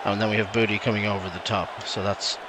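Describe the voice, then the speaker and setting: A man's voice: on the low side, little pitch movement, fast. A man giving casual, understated commentary on his own video game play, thinking aloud as he goes. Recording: game noise behind voice. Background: football video game commentary and crowd.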